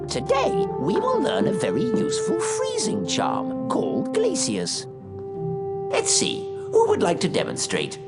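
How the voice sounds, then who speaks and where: An actor voicing a kindly elderly wizard professor in a video game, speaking in a genteel, theatrical, encouraging way. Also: male voice, sits high, huge pitch swings, measured pace, over loud music, heavily acted. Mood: cheerful, instructive. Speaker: teacher giving tutorial instructions. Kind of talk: video game character acting.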